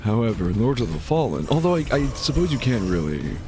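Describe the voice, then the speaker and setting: A man's voice: fairly low pitch, big pitch swings, a little fast. A man giving casual live video game commentary, rambling and geeky as he plays. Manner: rambling, easily sidetracked geeky enthusiasm.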